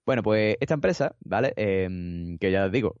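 A man's voice: on the low side, animated, moderate pace, darkish tone, smooth, no echo. A man co-hosting a podcast, chatty and enthusiastic. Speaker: podcast co-host. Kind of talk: casual podcast chat. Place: home, over a Skype call. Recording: dry, slightly dull call audio.

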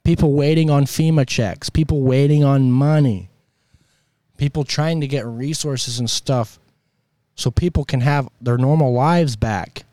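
A man's voice: medium pitch, fairly even intonation, unhurried, dark tone, no room sound. An American man with a sore throat, delivering an opinionated political monologue in an emphatic, exasperated, colloquial way. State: sore throat with coughing and throat clearing. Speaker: host of a political commentary show.

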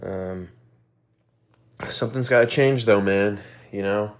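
A man's voice: lowish voice, takes it slowly. A young man hosting his own podcast alone, rambling and reflective with many fillers and casual swearing, a little out of breath and with a stuffy nose. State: slightly out of breath. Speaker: podcast host. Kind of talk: casual solo podcast monologue.

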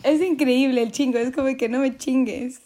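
A young woman with a Quito Ecuadorian accent co-hosts a casual podcast, her voice sitting a bit high. She chats in a giggly way and drops English slang into her talk. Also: steady tone, moderate pace, mellow. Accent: Quito Ecuadorian Spanish. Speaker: podcast co-host. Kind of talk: casual chat.

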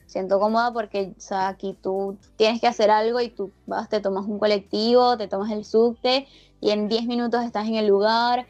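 A woman's voice: medium pitch, flat delivery, moderate pace, darkish tone, dull audio, faint music behind. A woman from Venezuela with a Venezuelan accent that carries a slight Argentine lilt, chatting casually as an interviewee and rambling through many restarts and fillers. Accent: Venezuelan Spanish with a slight Argentine lilt. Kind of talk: casual chat.

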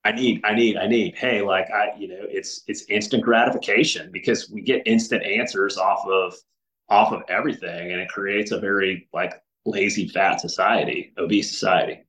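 A man with a fairly low voice speaks as a podcast guest. He talks earnestly and conversationally, stumbling through restarts and leaning on filler words as he makes his points. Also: fairly even intonation, moderate pace, fairly bright tone, low-quality recording. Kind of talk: casual interview conversation.

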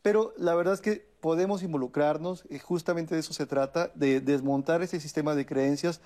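A man speaks in a mellow, warm tone, pitched a little higher than most men. He talks thoughtfully, pausing on fillers and restarting phrases as he explains. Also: fairly even intonation. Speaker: guest speaker on a family talk show. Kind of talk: conversational explanation.

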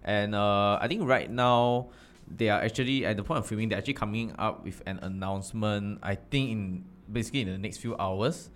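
Low, halting Singaporean man explaining casually. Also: a bit bright. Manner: halting, informal, ends phrases with "lah". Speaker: panelist.

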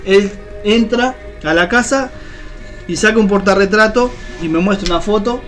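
A man's voice: high-pitched, moderate pace, a bit bright, faint music behind. A man with a Uruguayan accent, a radio co-host telling a personal story in a rambling way, full of fillers and restarts. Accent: Uruguayan Spanish. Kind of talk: casual spoken storytelling on radio.

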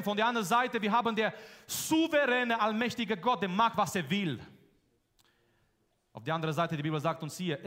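Male preacher with a high voice and an emphatic, repetitive delivery, in a church hall with long reverb. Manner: emphatic, repeats key phrases, swings between loud and soft. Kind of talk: sermon.

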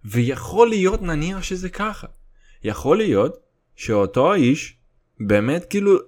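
A man's voice: on the high side, big pitch swings, darkish tone. A young man with a Russian accent in his Hebrew, rambling casually and comedically in crude slang, swearing and dropping in English words. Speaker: solo host.

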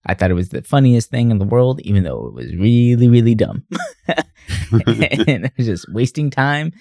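A man co-hosting a podcast in casual chat, an animated storyteller who tells his stories with energy. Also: mid-range voice, moderate pace, gravelly, dry recording, clean studio sound. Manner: animated storyteller, puts on voices in retellings. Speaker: podcast co-host.

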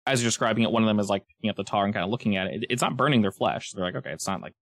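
Low-voiced man narrating as game master. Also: dry recording, clean studio sound. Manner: casual, descriptive, pauses to search for words. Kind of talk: improvised narration of a tabletop game.

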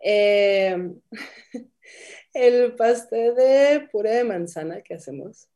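A woman co-hosting a casual chat, answering in a thoughtful, hesitant way with pauses. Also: on the high side, mellow. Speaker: co-host.

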